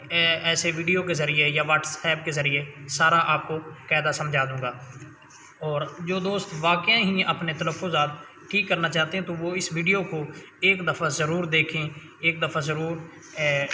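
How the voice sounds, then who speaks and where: A male Quran teacher with a fairly high, very bright voice explains letter sounds with patience. He stretches each letter slowly as a model for his student. The sound is roomy, with a long reverb trailing his words. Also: slight background noise. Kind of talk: spoken lesson with letter drills. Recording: echoey room with long reverb.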